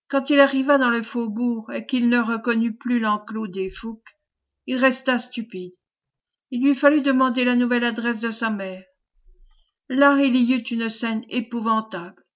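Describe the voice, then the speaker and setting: A woman narrating a classic French novel as an audiobook reader, in a measured, expressive way. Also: on the high side, dull audio.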